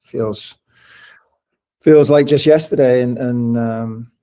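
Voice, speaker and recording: A man's voice: medium pitch, fairly even intonation, slow pace, dark tone, smooth. A middle-aged man with a mild northeast English accent, a college soccer coach chatting as a podcast guest, rambling with many restarts. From northeast England. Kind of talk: casual interview conversation.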